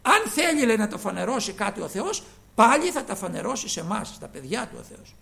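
A man preaching a sermon, with a high voice that leaps all over its range. His tone is gravelly, with fry at the ends of phrases. He moves from loud, fervent cries to hushed asides and acts out the voices he quotes. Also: big pitch swings. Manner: fervent, swinging between loud exclamations and quiet asides.

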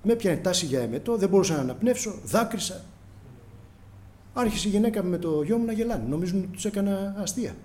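A man's voice: sits high, animated, warm tone. A middle-aged man preaching a sermon, calling the congregation brothers and acting out prayers and dialogue with passion.

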